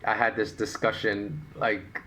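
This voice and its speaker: A middle-aged man hosting a solo podcast, explaining his views in an animated, opinionated way with rhetorical questions. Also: lowish voice, unhurried. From United States. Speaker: podcast host.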